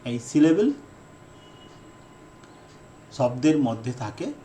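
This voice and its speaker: A deliberate, repetitive man teaching a lesson. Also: medium pitch, big pitch swings, mellow, a little hiss or hum. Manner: repeats key definitions, switches between Bengali and English; slow deliberate phrasing with fillers. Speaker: English teacher. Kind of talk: explanatory lesson lecture.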